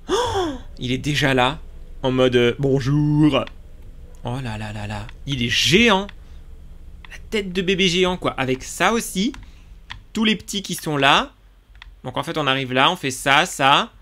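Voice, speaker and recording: A man giving excitable let's play commentary, talking to his viewers as he plays, with sudden yelps. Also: moderate pace. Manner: excitable, talks to viewers while playing; sudden yelps and jumps in pitch. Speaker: gaming YouTuber.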